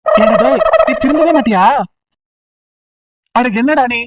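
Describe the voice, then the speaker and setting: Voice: mid-range voice, fast talker, far from the mic, heavy background noise, close to an everyday voice. A voice actor doing a cursing, fed-up young guy. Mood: exasperated. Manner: shouting insults, exasperated. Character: angry young male student, blunt and cursing. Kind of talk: comic voice acting.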